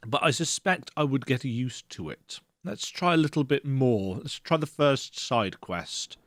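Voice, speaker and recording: A man talks casually over his gameplay, musing and thinking aloud about what he sees. His pitch sits mid-range but moves in a lively way. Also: measured pace. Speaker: gamer. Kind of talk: let's-play commentary.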